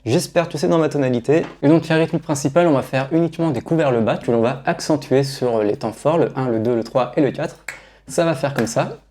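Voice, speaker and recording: A man teaching guitar songs in a relaxed, self-deprecating way, counting the beats aloud and speaking with a French accent. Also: medium pitch, quick pace, a little hiss or hum. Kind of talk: casual guitar tutorial, talking and singing. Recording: guitar playing loudly behind the voice. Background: acoustic guitar.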